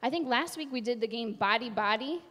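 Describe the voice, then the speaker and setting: A woman's voice: on the high side, expressive, brisk, bright, forceful tone. A woman from New York with a Long Island accent, chatting on stage about volunteering with the church youth group. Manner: bubbly, chatty, laughs easily. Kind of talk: live church announcements. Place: church sanctuary. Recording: long reverb of a large church hall.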